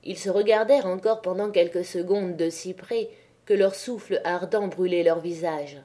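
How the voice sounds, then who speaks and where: A woman narrating a classic novel as an audiobook in a measured, even reading. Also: fairly low pitch.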